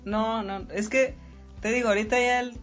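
A woman's voice: fairly high pitch, moderate pace. Mexican woman guest, easygoing chatter. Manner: relaxed agreeable chatter, often laughing along. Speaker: podcast guest. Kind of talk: casual podcast chat. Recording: dull lo-fi audio with faint music.

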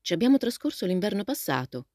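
A woman's voice: medium pitch, big pitch swings, fast talker, a little mellow, no echo, studio quality, pitched above the performer's own voice. Woman voicing a shy courteous teenage boy. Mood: calm.

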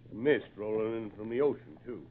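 An actor playing a gruff, kindly old fisherman with salty, folksy talk in an old-time radio drama. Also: fairly low pitch, brisk, close to an everyday voice. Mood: calm, wary. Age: older. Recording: muffled, narrow-band old radio recording.

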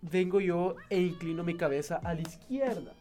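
A young man, casually telling a lively story and acting out the people in it. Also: sits high, normal speed, soft background music. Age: young adult. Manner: animated, acts out voices of people in his story.

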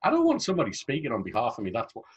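This podcast co-host talks very fast in a husky, medium-pitched voice with huge swings in pitch, on dull-sounding audio. He's joking around and rambling in a casual chat, laughing a lot.

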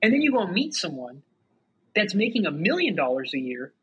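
A man with a very husky, raspy voice fires off motivational advice at a rapid clip, a little high for a man. He is energetic and fills his talk with "like". His voice comes through with a dull, lo-fi sound. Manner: energetic, fast, heavy use of "like". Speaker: podcast guest, entrepreneur. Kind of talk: casual motivational chat.

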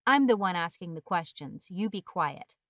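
A woman's voice: fairly low pitch, lively intonation, normal speed, fairly bright tone, dry recording, clean studio sound, pitched below the performer's own voice. A woman voicing an angry male police officer who barks harsh commands. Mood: brusque. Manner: barking, bullying.

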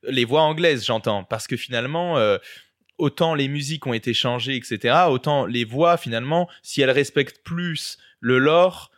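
A man's voice: medium pitch, normal speed, no echo, studio quality. A man hosting a casual podcast chat, rambling with many fillers. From France. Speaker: podcast host.

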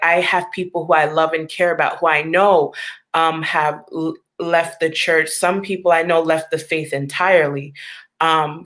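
Low-voiced earnest woman from Long Island. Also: a bit bright. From Long Island, New York. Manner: earnest, reflective, laughs easily. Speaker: guest. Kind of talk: candid personal interview.

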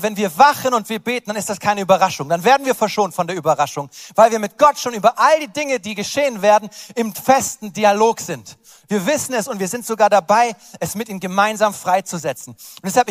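A man's voice: high voice, no echo, clean studio sound, in a large hall. A man preaching a sermon, urging and encouraging his congregation in an earnest, direct way. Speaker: pastor.

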